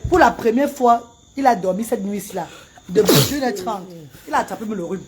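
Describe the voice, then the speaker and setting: A woman from Cameroon, chatting casually on a live stream and breaking into loud wailing chants. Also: mid-range voice, lively intonation, normal speed, noisy background. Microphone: phone camera.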